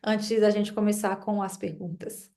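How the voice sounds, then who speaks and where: A young woman who stutters, gently asking questions as host of an interview. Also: mid-range voice, little pitch movement, measured pace. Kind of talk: interview conversation.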